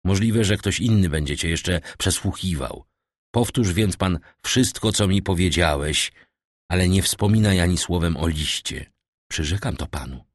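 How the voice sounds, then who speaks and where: A man's voice: low voice, moderate pace, no echo, clean studio sound. A man voicing a tense, commanding crown prosecutor in an audiobook, stern and secretive. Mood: persuasive. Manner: stern, secretive, barking orders then pleading.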